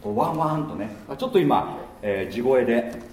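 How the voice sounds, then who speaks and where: In a very echoey room, a man addresses a church gathering from a distance, using his natural voice without a microphone, and there's slight background noise. His sermon is chatty and casual, full of fillers and asides, delivered in a medium-pitched, darkish voice that's animated and moderately paced.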